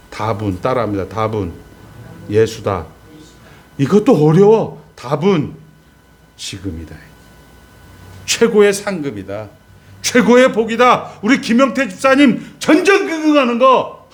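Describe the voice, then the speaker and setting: A male pastor, delivering an animated sermon and prompting the congregation to repeat after him. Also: mid-range voice.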